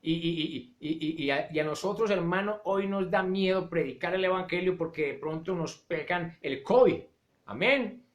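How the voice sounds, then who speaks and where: A man preaching a sermon as pastor. He speaks fervently, drops slow and low on key words, and keeps calling his listeners "brother". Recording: roomy echo.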